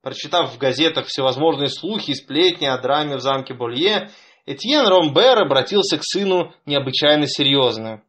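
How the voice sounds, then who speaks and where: A man narrating an audiobook in a measured, even storytelling manner. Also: on the high side. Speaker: audiobook reader. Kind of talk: scripted narration.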